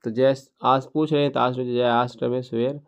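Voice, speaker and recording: A man's voice: mid-range voice, little pitch movement, measured pace, smooth. A man teaching an English grammar lesson, explaining each step while reading out English example sentences. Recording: dull lo-fi recording.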